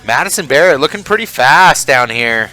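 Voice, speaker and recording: A man's voice: mid-range voice, animated, moderate pace, sharp tone, soft background music, poor audio. A man announcing a ski race live, calling bibs and times and joking with his co-host. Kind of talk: live sports commentary, banter.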